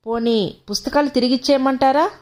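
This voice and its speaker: A woman's voice: sits high, animated, moderate pace, pitched above the performer's own voice. A woman reading the part of a timid young wife, pleading and hurt.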